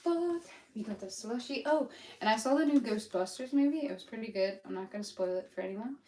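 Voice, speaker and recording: A woman's voice: on the high side, animated, brisk, warm tone. Chatty Pittsburgh woman in an echoey kitchen. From Pennsylvania. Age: adult with a child. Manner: chatty, rambling, frequent fillers and laughs. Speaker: cooking vlogger. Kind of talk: casual live-stream chat while cooking. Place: home kitchen.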